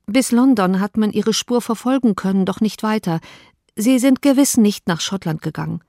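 A woman's voice: mid-range voice, normal speed, mellow, no room sound, studio quality, close to an everyday voice. A woman reading an audiobook, voicing a distraught, tearful young woman with a raised, pleading voice. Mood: anguished.

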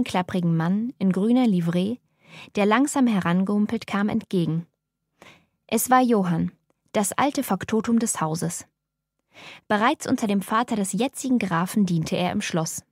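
A woman narrating a story in a measured, mock-solemn reading style. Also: mid-range voice, no echo, clean studio sound.

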